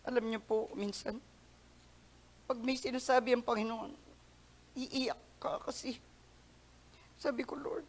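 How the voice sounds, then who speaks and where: A woman pastor giving a Sunday sermon, mixing Tagalog with English, swinging from loud emphatic peaks to soft near-whispers and stretching words out for emphasis. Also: high voice. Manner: mixes Tagalog with English phrases.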